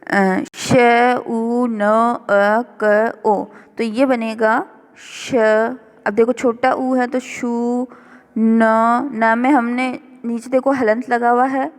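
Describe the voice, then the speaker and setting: A woman teacher goes through a revision lesson at an unhurried pace, spelling words out piece by piece. Her voice sits a little high and carries a long reverb from the room around her. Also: a little mellow. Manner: slow, careful word-by-word explanation. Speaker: school teacher. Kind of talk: recorded classroom revision lesson.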